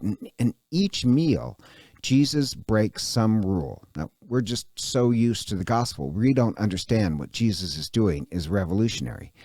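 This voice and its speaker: A male priest giving a conversational class introduction, animated and informal with small restarts and fillers. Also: mid-range voice, dry recording, studio quality. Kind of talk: recorded parish class introduction.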